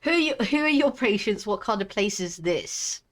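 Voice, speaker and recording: A woman's voice: mid-range voice, expressive, moderate pace. A woman game streamer giving casual commentary and reading quest text aloud as she plays.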